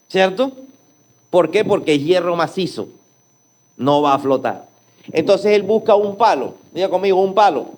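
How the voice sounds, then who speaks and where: A man's voice: high voice, a little mellow. A male pastor preaching a sermon, asking the congregation questions and having them repeat words after him. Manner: call-and-response, has the congregation repeat words; asks the audience many rhetorical questions. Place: church.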